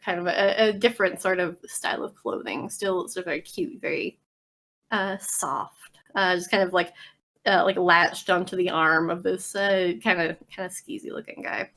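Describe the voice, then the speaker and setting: A woman's voice: lowish voice, fairly bright tone. A woman playing a tabletop role-playing game, hesitantly describing her character's actions with many fillers. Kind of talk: casual play and narration of actions.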